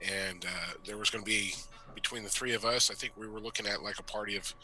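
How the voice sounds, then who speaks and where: A man's voice: fairly low pitch, fast talker, a little hiss or hum, low-quality recording. A man playing a tabletop game over a call, chatting casually and hedging his recaps. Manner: relaxed, hedging, recaps with "I believe". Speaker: player.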